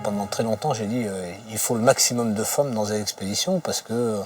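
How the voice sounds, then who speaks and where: A man with a husky voice reflecting informally in a documentary interview, halting and repeating words as he searches for phrases. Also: fairly low pitch, over loud music. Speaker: expedition member interviewed for a documentary. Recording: slightly distant microphone.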